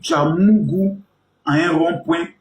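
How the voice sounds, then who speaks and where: Man, 40s, high voice, crude teasing streamer, roomy sound with faint noise. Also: takes it slowly. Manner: crude, teasing, mock-indignant, swings loud and low. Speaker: live stream host. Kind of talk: provocative live stream banter.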